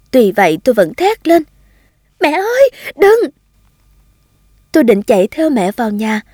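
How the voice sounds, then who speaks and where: A woman narrating a first-person story in a calm, expressive reading. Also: a little high, no echo, studio quality.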